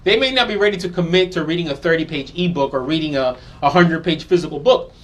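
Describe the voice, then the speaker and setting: A man's voice: fairly high pitch, fast talker, fairly bright tone. A man hosting a marketing show, giving advice in a loose, conversational way with many ums and restarts. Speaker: podcast host.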